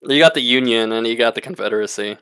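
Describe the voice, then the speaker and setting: A man's voice: medium pitch, fast, bright, forceful tone, clean tone, dry recording. Laid-back guy running a tabletop game, casual chat, swears a lot. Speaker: game master.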